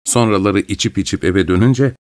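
A man reading a novel aloud in a measured, even storytelling voice. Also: fairly low pitch. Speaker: narrator. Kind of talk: audiobook narration.

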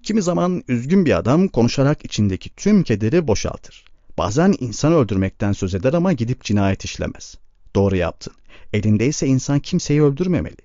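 A man voicing a quiet, earnest former preacher. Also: very animated, a little fast, dry recording, dull audio. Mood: earnest, reflective. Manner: low, earnest, reflective.

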